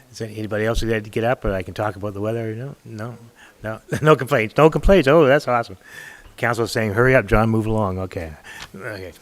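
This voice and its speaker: Male mayor, lowish voice, folksy and joking while running a council meeting. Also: fairly bright tone. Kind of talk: chairing a public meeting. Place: council chamber.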